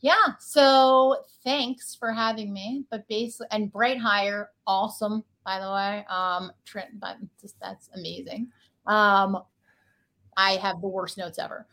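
A woman's voice: medium pitch, steady tone, a little slow, a bit bright. A woman guest talking casually in an interview, chatty and playful. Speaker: guest, talent acquisition executive.

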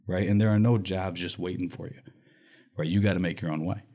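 Speaking a little fast, this man has a low-sitting, warm voice with fairly even intonation. He's a Michigan nonprofit executive director, a guest in an interview, answering in an earnest, emphatic way. "Right?" often follows his points.

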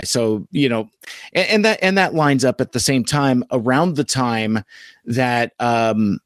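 A man talking casually to camera about his toy collection, halting and rambling with many fillers and restarts, a little worn out. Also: medium pitch, no echo. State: tired, hungover after a convention.

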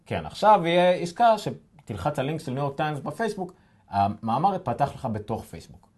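A man with an Israeli accent co-hosting a casual tech news chat, speaking haltingly as he searches for words. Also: on the high side, very animated, a little mellow, breathy edge. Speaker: podcast co-host.

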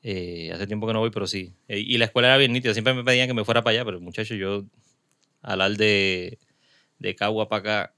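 This man's lowish voice comes out fast, pushed and bright, clear and resonant, with no echo. He's a Puerto Rican podcast host from Puerto Rico with a Puerto Rican Spanish accent, chatting casually with a guest in a small studio. Chatty by nature, he laughs often and wanders into asides.

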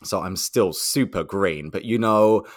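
A man's voice: lowish voice, measured pace, no room sound, studio quality. A young man telling a story in conversation, acting out the other voices in it. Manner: animated storyteller, acts out quoted voices.

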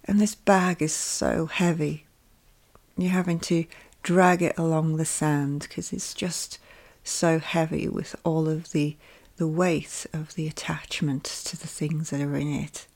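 A woman leading a guided meditation with calm, gentle instructions, her soft voice often drifting into a whisper. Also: low voice, a little slow.

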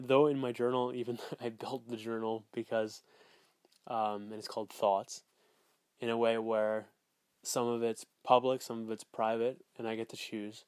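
A man's voice: medium pitch, clear, resonant tone, dry recording. A man hosting a solo podcast, recorded as a voice memo on a phone recorder app, talking in a rambling, self-assured way with lots of filler words and swearing. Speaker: podcast host.

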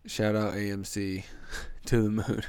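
Another rambling solo podcast clip finds the young host stuffed up and congested, joking crudely and straying into tangents. His smooth, darkish voice is on the low side, a little slow, with little pitch movement and no room sound.

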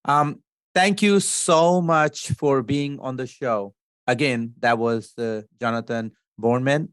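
Male podcast host, relaxed and informal, dry studio audio. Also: mid-range voice, slow pace, clean tone, no echo. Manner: easygoing, informal with fillers. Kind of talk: interview hosting.

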